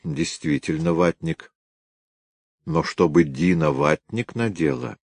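A seasoned senior detective, thoughtful and unhurried, in a deep low voice, as a male narrator gives him lines. Dry, close audiobook sound. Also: expressive, dry recording. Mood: musing. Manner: musing, unhurried.

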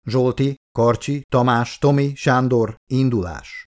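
A man's voice: mid-range voice, expressive, a little mellow, lightly acted. A man reading the lines of a tough commando colonel who barks curt orders. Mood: commanding.

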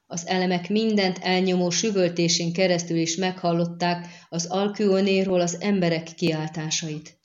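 A woman with a low voice narrates a fantasy novel as a steady audiobook reading, telling the story in a measured way. The recording is dull and lo-fi, missing its top end.

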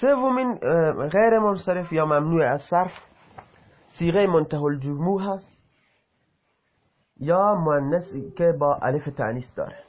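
A man with a slightly high voice teaches an Arabic grammar lesson, reading out example sentences and then explaining them. He sometimes stops mid-word and corrects himself. The recording is dull and lo-fi. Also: expressive, pauses often.

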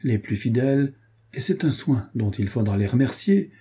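A man's voice: medium pitch, animated, normal speed, dark tone, slightly rough. A man reading an audiobook voices an ironic, teasing young nobleman and swordsman.

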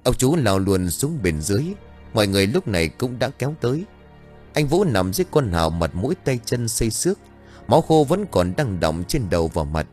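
Lively male storyteller over soft music. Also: lowish voice, brisk. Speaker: audiobook narrator. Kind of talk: scripted story narration.

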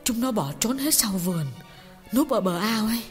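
A woman's voice: fairly high pitch, lively intonation, moderate pace, lightly acted. A woman voicing a grieving mother telling her story. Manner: sorrowful storytelling, emotional. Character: grieving middle-aged mother recalling tragedy. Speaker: audiobook voice actor. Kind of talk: audiobook drama reading. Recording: long reverb with faint music.

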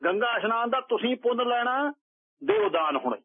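A man's voice: very high-pitched, animated, normal speed, slightly rough, pitched above the performer's own voice, heavily acted. A man voicing a brash, drunken old wandering holy man who mocks and insults everyone. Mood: wheedling. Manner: bold, mocking, shouting insults. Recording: tinny phone-like radio line.

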